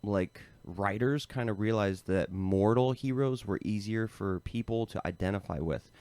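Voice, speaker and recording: Low-voiced American man explaining casually. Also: moderate pace, smooth, no room sound. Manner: relaxed, filler-heavy, lots of "um" and "like". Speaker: podcast co-host. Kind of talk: casual podcast chat, explaining from notes.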